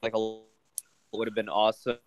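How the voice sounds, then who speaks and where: A man co-hosting a wrestling podcast over a remote call, talking in halting, trailing phrases while his connection keeps breaking up. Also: on the low side, completely flat delivery. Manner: halting, trailing off mid-sentence. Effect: breaking-up internet call connection. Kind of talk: casual chat.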